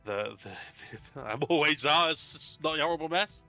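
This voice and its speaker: Bright-voiced British man, stuffed-up nose. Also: on the high side, animated, normal speed, muffled recording, faint music behind. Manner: self-deprecating. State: congested with a bad cold, tissue stuffed up his nose. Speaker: streamer, host. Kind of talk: casual live game-stream chat.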